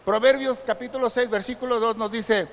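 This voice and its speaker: A man's voice: very high voice, steady tone, brisk. A man preaching a sermon as pastor, asking the congregation rhetorical questions and acting out the voices of frightened people. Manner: acts out frightened crowd voices. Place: church sanctuary. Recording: long reverb in a large church hall with faint hiss.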